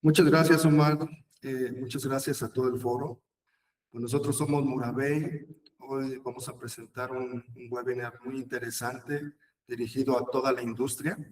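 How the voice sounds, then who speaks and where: A man's voice: medium pitch, fairly even intonation, moderate pace, darkish tone, low-quality recording. A man moderating a webinar, introducing the next speaker briefly and courteously.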